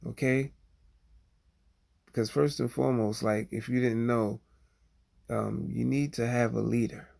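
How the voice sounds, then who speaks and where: A man speaking at a middle pitch with a gravelly, creaky edge to his voice. He talks straight to his viewers in a loose, rambling way, full of fillers and restarts, and keeps checking in with "you know what I'm saying?". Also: fairly even intonation, unhurried, pauses often, a little mellow. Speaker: livestreamer. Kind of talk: casual livestream monologue.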